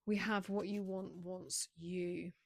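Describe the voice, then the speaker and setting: A woman doing a pick-a-card tarot reading for viewers, speaking in gentle, repetitive affirmations with many filler words. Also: lowish voice, flat delivery, slow pace, gravelly, no echo, clean studio sound.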